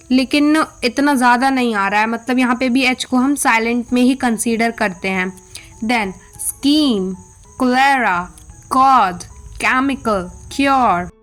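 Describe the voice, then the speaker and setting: This is an Indian woman teaching English pronunciation, with a slightly high voice. She speaks very slowly and deliberately, spelling out each word letter by letter. Faint music plays softly underneath her. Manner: slow, deliberate spelling-out of words. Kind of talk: Hindi-English language lesson.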